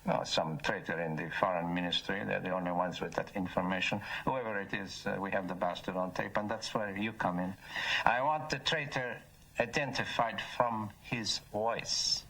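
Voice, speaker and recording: An actor playing a quick-tempered, bullying Soviet minister in a dubbed film, giving domineering orders. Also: male voice, low voice, steady tone, gravelly, fairly bright tone, slightly rough, full character voice. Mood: stern.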